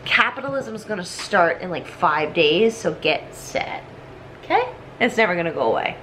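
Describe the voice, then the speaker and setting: A woman's voice: fairly low pitch, normal speed, slight background noise. A woman rambling drunkenly through a comic retelling in casual slang, acting out the characters as she goes. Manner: tipsy, rambling drunken delivery; animated, acts out characters in slangy dialogue. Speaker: storyteller.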